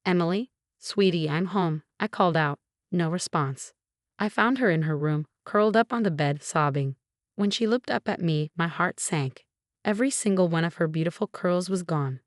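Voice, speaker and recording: Woman narrator for a scripted audio story, low, dry, even delivery. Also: moderate pace, no room sound.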